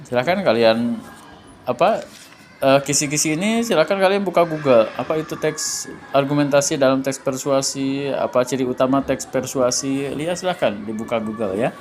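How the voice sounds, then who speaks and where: A man's voice: mid-range voice, normal speed, faint music behind. A man, a teacher talking students through an exam study guide in a loose, chatty way, full of fillers and restarts. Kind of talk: casual exam review lesson.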